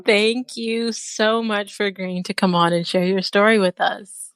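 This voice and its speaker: Woman hosting a talk show, mid pitch, encouraging, very dry audio. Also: steady tone, unhurried, smooth, no room sound. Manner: upbeat, affirming. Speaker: host. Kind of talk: interview hosting.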